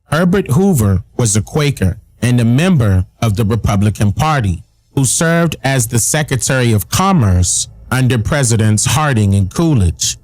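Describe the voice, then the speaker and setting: A man giving measured, scripted documentary-style narration. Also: mid-range voice, very animated, a little mellow.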